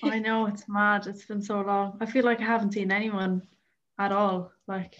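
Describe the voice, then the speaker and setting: A slightly muffled, lo-fi recording of a young woman with a County Clare Irish accent. She is twenty and chats casually as a podcast guest. Her pitch sits in the middle for a woman. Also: level tone, normal speed, a bit bright. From County Clare, Ireland. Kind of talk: casual interview chat.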